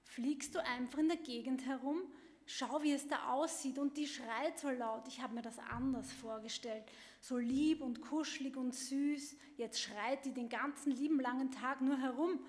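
A woman's voice: high-pitched, normal speed, lightly acted. A woman voicing an overworked, fretful mother bird who scolds and frets, at a literary reading. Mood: exasperated. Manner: scolding, exasperated. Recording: long hall reverb.

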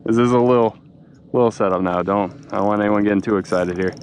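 A young man hosting a fishing vlog from a small boat at dusk, chatting casually and excitedly, saying "dude" a lot. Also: on the low side, fast talker, slight background noise. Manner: excited, laid-back, says "dude" a lot. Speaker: fishing channel host. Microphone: action camera mounted on cap.

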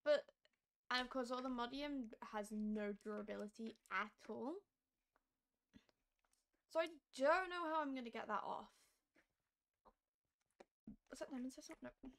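A woman with a high-pitched voice chats her way through a live gameplay stream, hoarse as she starts losing her voice. She talks slowly and unhurriedly, thinking out loud and chattering at the creatures in her game. Her tone is casual and conversational into a streaming mic.

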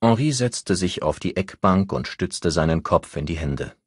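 A man with a very low, husky voice narrates a novel as an audiobook. His scripted literary delivery is expressive and unhurried, captured in a dry, close recording.

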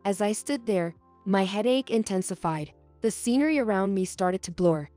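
A young adult woman reading a first-person story aloud as narrator, in a soft, earnest storytelling manner. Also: mid-range voice, animated, moderate pace, faint music behind.

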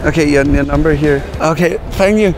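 A man's voice: on the high side, fairly quick, music in the background. A young man from Denmark with a Danish accent, vlogging on city streets and in a pub, joking with strangers and stammering on restarts. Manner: playful, awkward, stammers on restarts. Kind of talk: street vlog, chatting up strangers.

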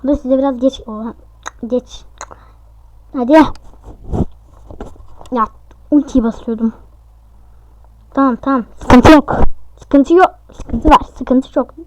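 A high-pitched woman chatting through a match in casual gameplay commentary. She talks to herself, and her voice jumps up into shrieks whenever a fight gets close. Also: slow, pauses often, slight background noise. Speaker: gaming YouTuber.

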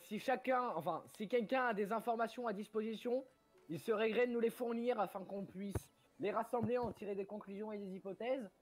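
High voiced guy at a tabletop game, jokey, does stiff formal speeches in character. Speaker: player.

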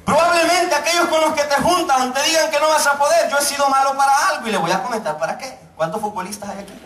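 A middle-aged man preaching to a youth congregation, his voice pitched very high. He jokes with the crowd and then drags out key phrases. The room is echoey and the mic sits some way off. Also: a bit bright, recorded from a distance. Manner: joking, calls out to the congregation, preaches slowly for emphasis. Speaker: pastor. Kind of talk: sermon. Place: church hall.

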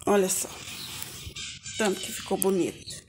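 In her yard among potted plants, a Brazilian woman hosts a hands-on gardening tutorial in a casual, homely style, calling viewers little friends. Her voice is mid-range, steady and a little mellow, delivered at a measured pace, with a faint hiss or hum behind it.

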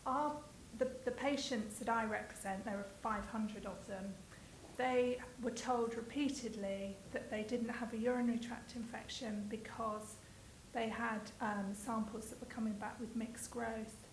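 A woman's voice: on the high side, fairly even intonation, unhurried, roomy sound, slight background noise, poor audio. A woman speaking as a patient advocate in a panel discussion, earnest and emotional when she talks about her daughter.

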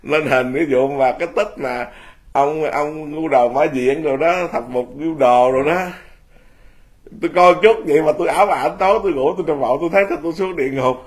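A man's voice: fairly high pitch, fairly quick. A man in his fifties, a Buddhist monk giving an informal talk, blunt and self-mocking, laughing often as he speaks.

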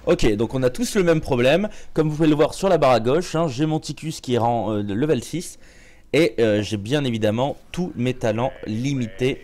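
A man giving casual live commentary on his own gameplay, joking and chatty, with a slightly sore throat that makes him clear it now and then. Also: medium pitch, moderate pace, a little mellow. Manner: joking, chatty, many restarts and fillers. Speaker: game streamer.

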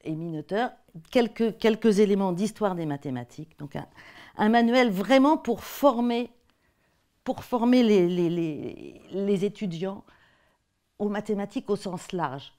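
A French woman lectures on mathematics textbooks in a relaxed, talky way, pausing and repeating words as she searches for them. Her voice sits at an ordinary middle pitch for a woman. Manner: conversational, hesitant with repeated words. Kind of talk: academic talk presenting textbook excerpts.

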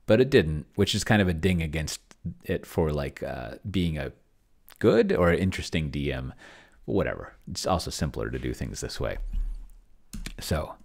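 A middle-aged man with a very deep, gravelly voice plays a solo tabletop roleplaying game to test an AI game master, muttering and halting as he works. He's very animated, giving casual screen-share commentary and thinking aloud from a desk in a room at home.

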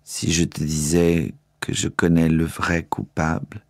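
A man voicing a dying young king who speaks low, slow and hushed. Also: little pitch movement, gravelly, no echo, clean studio sound, heavily acted. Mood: grave, hushed.

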